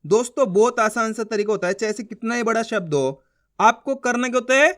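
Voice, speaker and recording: A man teaching Hindi reading in an online lesson, slowly sounding out syllables, getting louder on them, and often asking if it is clear. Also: very high voice, expressive. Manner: slow, stretched syllable-by-syllable sounding out; repeats questions to check understanding.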